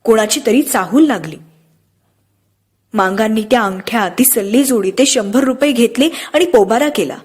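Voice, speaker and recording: A woman narrating an audiobook in a steady, expressive storytelling manner. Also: a little high, moderate pace, breathy edge.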